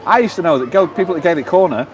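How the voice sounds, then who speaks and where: A man's voice: fairly high pitch, expressive, very fast, dull audio, background noise. A man hosting a casual live stream outdoors, chatting away and reading viewer comments aloud. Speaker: vlogger and live-stream host. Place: outdoors in a seaside town, then a lounge bar.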